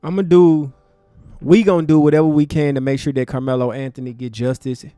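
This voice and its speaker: A man giving impassioned, profane livestream commentary from his desk, swinging between loud outbursts and low, intense talk. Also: little pitch movement, a little fast, clear, resonant tone, no echo, soft background music. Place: home desk. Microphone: desk mic.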